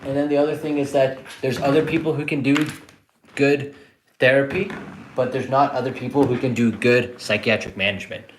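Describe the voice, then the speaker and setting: A man in his thirties, born in India and raised in Canada, chatting casually on a live stream as a psychiatrist answering viewer questions, relaxed and rambling with frequent restarts. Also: medium pitch, a little fast, reverberant, slight background noise. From born in India, grew up in Canada.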